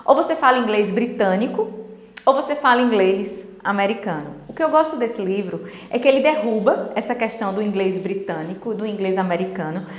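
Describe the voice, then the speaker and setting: A middle-aged woman, an English teacher, explaining a lesson in a didactic way and checking in with her students through quick tag questions. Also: medium pitch. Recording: roomy echo with long reverb.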